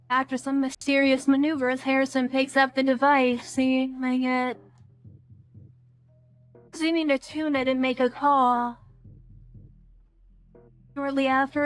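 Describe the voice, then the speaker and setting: A woman streaming a video game, reading its text aloud in an even, measured way with brief comments of her own. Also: high-pitched, smooth. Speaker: let's play streamer.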